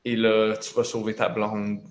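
A man's voice: on the low side, completely flat delivery, unhurried. A man with a Quebec French accent, rambling casually through a video game's story with many fillers. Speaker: gamer recounting a video game. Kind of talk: casual chat.

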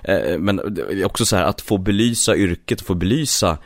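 A man, a voice actor, telling stories in a relaxed interview and acting out the people he quotes. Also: low-pitched, dry recording, clean studio sound. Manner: animated storyteller, acts out quotes. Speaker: voice actor guest. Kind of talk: casual interview chat.

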